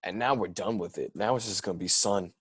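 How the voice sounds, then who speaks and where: A man's voice: deep voice, quick pace, slightly rough, no echo, studio quality. A young man with a Southern US accent, a comedian chatting casually as a guest on a podcast recorded over a video call, rambling and laid-back. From Georgia.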